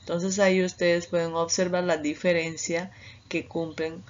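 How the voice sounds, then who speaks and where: A woman with a Peruvian Spanish accent explains grammar from slides, slowly and deliberately, with a low voice. She leans on fillers as she works through each point. The recording is dull and lo-fi with a faint hiss underneath. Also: little pitch movement. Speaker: teacher. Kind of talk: slow online lecture with slides.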